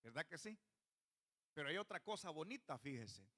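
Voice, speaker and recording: A man's voice: a little high, very animated, normal speed, sharp tone. A male pastor preaching a sermon in church, often putting questions to the congregation.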